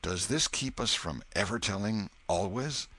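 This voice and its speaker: A man voicing a scared, superstitious young village boy who speaks in a rustic backwoods dialect, hushed and fearful. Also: on the low side, expressive, measured pace, voice pushed up, full character voice. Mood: frightened.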